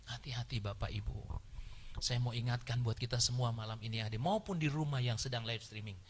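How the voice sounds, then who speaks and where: A middle-aged man preaching a sermon as pastor, animated, moving between hushed asides and loud exclamations. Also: medium pitch, brisk, slight background noise. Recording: reverberant church hall.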